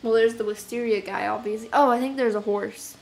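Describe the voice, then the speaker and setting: A woman's voice: on the high side, steady tone, a little fast, darkish tone, low-quality recording. Chatty young woman over game music. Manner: chatty, rambling, self-talking with sighs and fillers. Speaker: gameplay video host. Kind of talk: casual gameplay commentary. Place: apartment. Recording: game music clearly behind voice.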